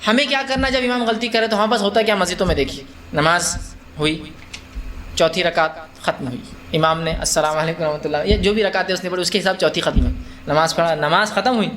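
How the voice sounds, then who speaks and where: Speaking conversationally to a live gathering, this Islamic preacher has a high voice with a fairly bright tone. His religious lecture is sprinkled with English words and questions put to his listeners, and he laughs as he acts out quotes and small scenes.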